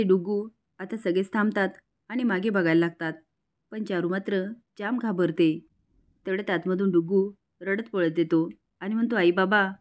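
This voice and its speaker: Woman briskly retelling a family drama. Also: medium pitch, a little mellow. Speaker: storyteller. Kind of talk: retelling a TV serial episode.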